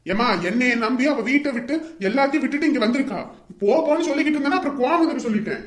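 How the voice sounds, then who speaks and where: A woman playing a defiant, quick-talking son. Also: sits high, lightly acted. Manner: blunt, threatening, argumentative. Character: defiant young man, newly married son. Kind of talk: comedy skit acting. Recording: roomy echo.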